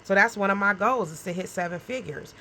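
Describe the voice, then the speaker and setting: Her voice is mid-range, bright and pushed, and a little fast. This forties-aged small business owner chats casually to camera, frank and encouraging, addressing viewers directly and tossing in "okay?" and "right?" often. Slight background noise runs under a rough recording.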